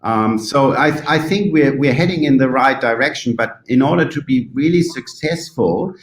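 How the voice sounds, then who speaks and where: A man with a German accent, a native German speaker, giving thoughtful interview answers haltingly, searching for words as if translating in his head. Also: medium pitch, animated. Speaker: interview guest from the yachting industry. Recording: roomy, echoing sound.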